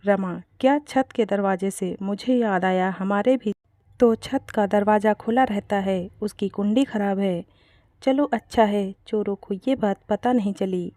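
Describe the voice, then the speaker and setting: A woman reading aloud gives voice to a simple, eager young daughter-in-law who takes every instruction at its word. Her tone is innocent and earnest in a storybook reading, set at a middle pitch. The sound is close and dry. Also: unhurried, warm tone, no room sound, natural voice. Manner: innocent, literal-minded. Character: naive, well-meaning young daughter-in-law.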